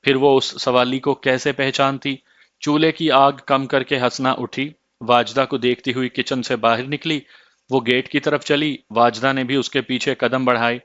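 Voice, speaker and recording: A man reading a story aloud as narrator in a steady, measured way, in a slightly muffled dry recording. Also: mid-range voice, no room sound.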